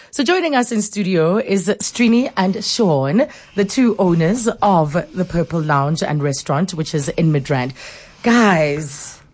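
A woman's voice: on the low side, a little mellow. A woman with a South African accent hosting an informal radio interview in an effusive, chatty way. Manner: effusive, chuckles often. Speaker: radio host.

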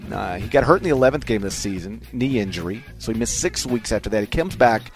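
A man's voice: on the low side, lively intonation, quick pace, soft background music. A man hosting a sports radio show, talking casually and reading ads in a rambling way, repeating phrases for emphasis. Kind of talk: casual sports talk and ad reads. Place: radio studio.

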